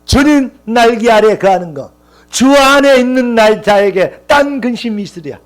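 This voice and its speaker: A man's voice: very high-pitched, lively intonation, moderate pace. A male pastor preaching a sermon with impassioned, rising emphatic lists and calls of hallelujah.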